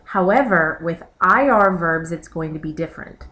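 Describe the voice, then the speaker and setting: A woman's voice: on the low side, expressive, normal speed, fairly bright tone, muffled recording, slight background noise. A woman teacher narrating a recorded slideshow lesson, explaining step by step and pointing to examples on the slides. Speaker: Spanish teacher.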